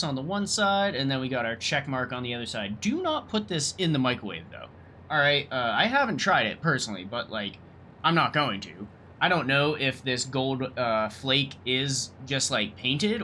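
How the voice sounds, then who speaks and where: A man's voice: mid-range voice, pushed and bright. A young man hosting a let's play, talking casually and enthusiastically, rambling a little and swearing now and then. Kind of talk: casual gameplay commentary.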